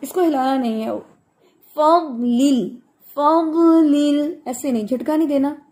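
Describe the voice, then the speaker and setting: A woman's voice: sits high, fast talker, mellow. A woman teaching Quran recitation, patiently correcting a student's pronunciation and chanting the verses melodically.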